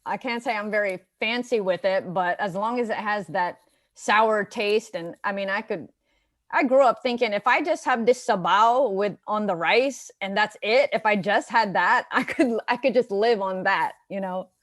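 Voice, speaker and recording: A middle-aged woman from the United States talks casually as a guest. She rambles, stops and restarts often, in a voice of middling pitch. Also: moderate pace, fairly bright tone. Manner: chatty, rambling with many restarts and fillers. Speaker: guest on a comedy variety show. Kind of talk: casual chat.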